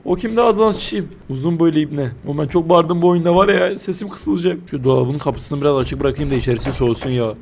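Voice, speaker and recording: Crude high-voiced young gaming man. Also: brisk, creaky, hardly any pauses, a little mellow. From Turkey. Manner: crude, joking, bursts into shrieks when startled. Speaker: gaming YouTuber. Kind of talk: let's play commentary.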